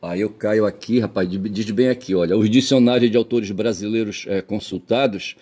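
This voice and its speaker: A Brazilian channel host with a lowish, warm, slightly breathy voice delivers a rambling monologue at a moderate pace in Brazilian Portuguese. He's blunt, folksy and pedantic, now and then swearing, and he constantly checks in with his audience through "tá certo?" and "sabe?".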